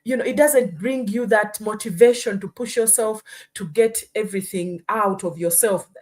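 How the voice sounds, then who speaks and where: With a mid-range, darkish voice at a moderate pace, a Ugandan woman hosts a casual live stream. She talks earnestly and often checks in with her audience using "hmm?" and "you know."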